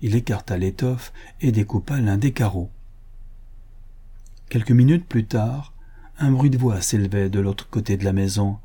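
Guy narrating an old novel, low husky voice, steady reading. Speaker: audiobook narrator. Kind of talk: scripted narration.

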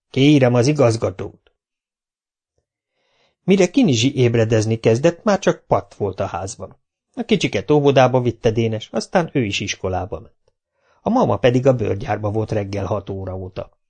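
A man reading a children's novel aloud, narrating in a lively, wry manner. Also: fairly low pitch. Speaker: audiobook reader. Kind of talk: storytelling narration.

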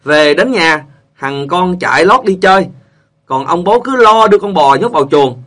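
A man's voice: high voice, expressive, moderate pace, fairly bright tone. A man narrating short funny stories in a plain storyteller's way.

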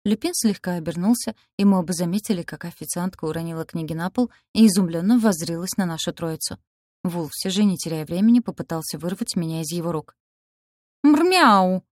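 A woman's voice: lowish voice, fast talker, warm tone, dry recording, clean studio sound. A woman reading a first-person fantasy novel aloud, giving the characters light voice shifts as she narrates. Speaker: audiobook narrator.

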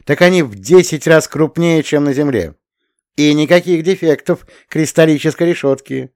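Man reading as excitable young male planetologist, boastful, rapid-fire, raised pitch, audiobook. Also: dry recording, clean studio sound, close to an everyday voice. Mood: excited.

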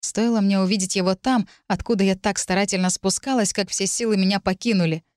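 A woman narrating a first-person audiobook in a measured, emotive way. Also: mid-range voice, steady tone, a little mellow, no echo, studio quality.

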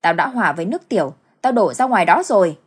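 A woman's voice: medium pitch, animated, normal speed, slightly rough. A woman voicing a cruel, scheming older village woman who wails and gloats in a storybook tale. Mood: cruel gloating. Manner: wailing then coldly gloating.

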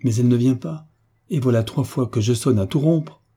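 A man's voice: mid-range voice, normal speed, dark tone, husky, close to an everyday voice. A man voicing a frightened young orphan heiress, with an anxious, pleading manner.

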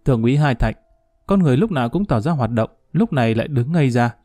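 A man narrating a crime story in a steady, measured storytelling voice. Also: medium pitch, no echo, clean studio sound, soft background music.

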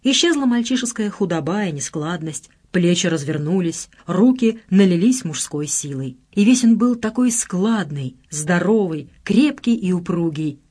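A woman narrating an audiobook with an expressive storytelling delivery. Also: fairly low pitch, normal speed, few pauses, husky.

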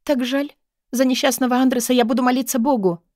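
A woman voicing an excitable young witch. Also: sits high, fast talker, dry recording, clean studio sound, pitched above the performer's own voice, natural voice. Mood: eager pleading. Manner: excited, pleading, exclamatory. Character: young defiant witch girl, impulsive and pleading. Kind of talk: audiobook character voice.

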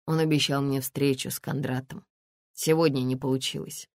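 A woman's voice: rumbling low, level tone, moderate pace, darkish tone, no echo, studio quality. A woman voicing a reserved grown man who speaks tersely and reproachfully. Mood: curt.

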